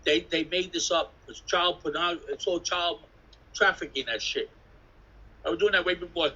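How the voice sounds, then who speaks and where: An older New York City man with a husky, slightly high, sharp-toned voice rambles through casual stories at a moderate pace, swearing, laughing, and hopping from tale to tale. He's a graffiti artist being interviewed over a video call from indoors at an artist residence, and the sound is lo-fi.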